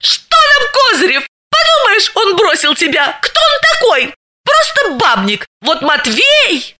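A shrill wailing girlfriend. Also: huge pitch swings, measured pace, exaggerated voice. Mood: indignant. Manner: wailing, shouting, sobbing. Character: loud emotional middle-aged woman friend.

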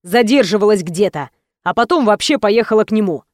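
Woman doing an angry jealous young man, gruff, curt, scornful, mid-pitched voice, dry close recording, audiobook. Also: animated, brisk, darkish tone, dry recording, natural voice. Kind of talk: audiobook character voice.

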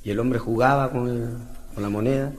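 A man's voice: mid-range voice, fairly even intonation, brisk. A man with a Peruvian accent telling slangy jokes stand-up style, laughing at his own punchlines. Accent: Peruvian Spanish. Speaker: comedian. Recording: noisy lo-fi recording with clicks.

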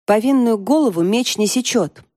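A woman's voice: fairly high pitch, lively intonation, moderate pace, warm tone, dry recording, studio quality, voice pushed up, natural voice. A woman reading an audiobook, voicing a frank, direct teenage girl in a raised voice. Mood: earnest. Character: earnest blunt teenage girl.

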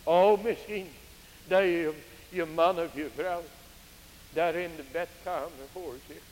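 A man preaching a sermon, slow and emphatic, drawing out his exclamations and speaking straight to the congregation. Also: on the high side, steady tone, darkish tone. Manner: addresses the congregation directly. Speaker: pastor. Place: church. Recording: hissy 1980s church tape with long reverb.

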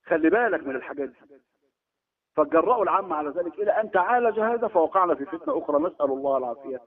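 A man's voice: fairly high pitch, lively intonation, racing. A man with an Egyptian Arabic accent giving a religious lesson, emphatic and exhorting, often acting out the exchanges he quotes. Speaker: preacher. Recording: tinny phone-like lo-fi recording.

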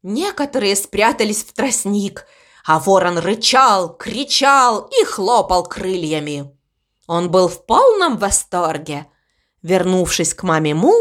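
A woman reading a children's story aloud as storyteller, expressive and animated. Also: mid-range voice.

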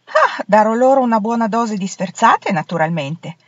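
A woman's voice: mid-range voice, animated, moderate pace, no echo, voice pushed up, close to an everyday voice. A woman voicing a blunt, practical young woman teacher who speaks in a firm, matter-of-fact way, in a storybook reading. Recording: dull lo-fi, dry.

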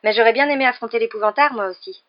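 A woman reading aloud voices an earnest, studious teenage schoolgirl, a touch higher than her narration, on a muffled lo-fi recording. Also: racing, natural voice.

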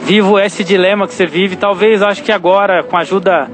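A Brazilian man in his thirties calling in on a speakerphone from his car, talking in an earnest, halting way with restarts and mild swearing. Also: sits high, fairly even intonation, noisy background. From Campinas, Brazil. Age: 30s. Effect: phone call on speakerphone while driving. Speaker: caller. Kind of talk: casual phone message to a podcast host.

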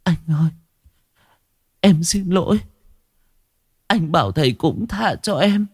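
A man voicing a sorrowful, shy young highland woman in a spoken ghost story. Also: slow. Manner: soft, tearful, pleading.

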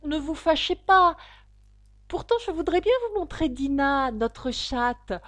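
A woman's voice: sits high, expressive, a little slow, dry recording, pitched above the performer's own voice. A woman voicing a polite, chatty young girl in a storybook reading, talking earnestly in a rush. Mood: gushing.

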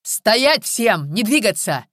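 The narrator voicing an out-of-breath armed man shouting commands. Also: fairly high pitch, normal speed, clean tone, no echo, clean studio sound, close to an everyday voice. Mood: commanding. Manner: barking commands. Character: panting armed man, tense, threatening.

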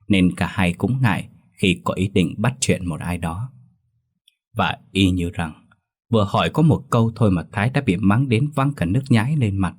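A man narrating a scripted horror story in a steady, even storytelling voice. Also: low-pitched, slightly rough.

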